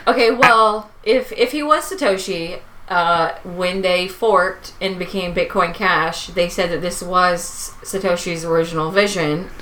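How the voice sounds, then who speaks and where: Blunt, low-voiced woman panelist. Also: bright, forceful tone, slight background noise, poor audio. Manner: blunt and dismissive, quick remarks. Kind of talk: casual panel chat.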